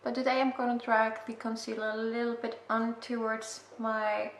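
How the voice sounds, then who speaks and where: This young makeup vlogger has a fairly high pitch, level tone, and moderate pace. Speaking English as a second language with an Icelandic accent, she casually walks through a makeup tutorial, adding chatty, self-deprecating comments, recorded in an echoey room with faint hiss.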